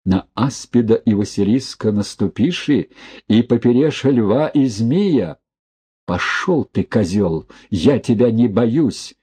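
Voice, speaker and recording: A man voicing a brave, defiant young woman in an audiobook, speaking slowly in a hushed, steady way. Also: medium pitch, slightly rough.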